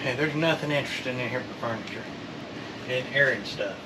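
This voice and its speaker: The audio is noisy and distant, captured by a camera a few feet from a man in his thirties filming a vlog inside a metal storage unit. He speaks a little fast in a mid-range voice, chatting casually with folksy jokes and teasing.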